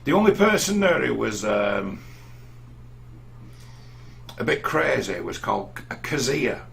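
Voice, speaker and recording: Speaking a little slowly but very animatedly, a middle-aged Englishman shares rambling, anecdotal stories from his own life. His medium-pitched voice carries vocal fry and a fairly bright tone. He's a vlogger talking in a relaxed monologue, often backing up to begin sentences again.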